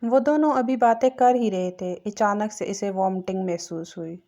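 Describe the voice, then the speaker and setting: A woman narrates a romantic audio novel in a calm, steady storytelling voice. Her pitch sits in the middle range, and she keeps an even pace through the reading.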